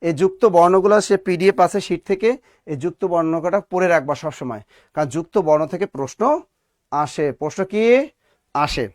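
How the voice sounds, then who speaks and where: A man's voice: fairly high pitch, moderate pace, no room sound, clean studio sound. A man with a Bangladeshi Bengali accent teaching a live online exam-prep class, firing repeated questions at students and answering them himself, with scolding, preachy asides.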